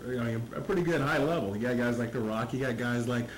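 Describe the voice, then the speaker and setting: A man's voice: medium pitch, quick pace. An American man, a wrestler giving a casual promo interview, earnest and repetitive with many verbal fillers. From Las Vegas, United States. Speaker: professional wrestler being interviewed. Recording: roomy, echoing recording with faint noise.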